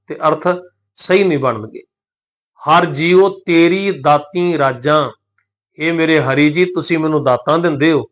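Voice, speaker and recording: A man teaches scripture pronunciation in a calm, measured way. His voice sits a little high for a man. He slows down and draws out each verse as he recites it. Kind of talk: religious lesson on scripture pronunciation.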